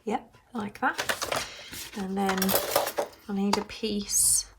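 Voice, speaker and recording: A middle-aged woman from Suffolk, England, with a Suffolk accent, hosts a casual craft tutorial at an indoor craft desk, half murmuring to herself as she works. Her medium-pitched voice is steady and very slow, and the recording is very noisy.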